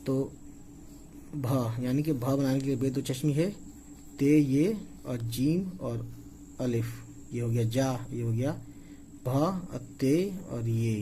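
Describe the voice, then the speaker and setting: In a rough recording with a little hiss or hum, a man with a dark, mid-range voice gives a casual spoken lesson on writing words in Urdu script. He goes slowly, spelling each word aloud letter by letter and checking in with a frequent "okay."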